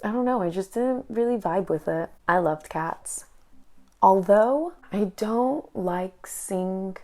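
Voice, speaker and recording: A young woman vlogging casually, chatty and full of quick asides. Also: medium pitch, expressive, dark tone. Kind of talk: casual chat.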